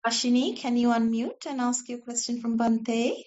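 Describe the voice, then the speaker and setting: A woman's voice: fairly high pitch, fairly even intonation, moderate pace, a little mellow. A woman moderating an online question session, polite and apologetic toward participants. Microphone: video call. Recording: muffled online call audio.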